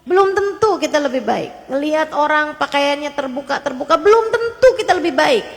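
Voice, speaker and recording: A woman preacher telling a story in an animated way and speaking directly to her congregation. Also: high-pitched, brisk, big-room sound. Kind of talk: sermon storytelling.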